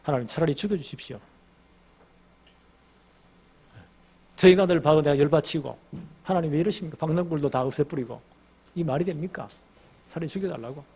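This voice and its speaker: A man's voice: fairly high pitch, fast, mellow, husky. A male pastor voicing an angry prophet who complains indignantly to God and asks to die. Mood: despairing.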